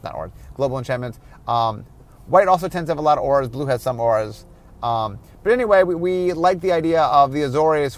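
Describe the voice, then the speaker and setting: A tired man, a card game designer, explaining his work in a solo podcast, often correcting himself and pausing with fillers. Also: mid-range voice. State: tired, yawning.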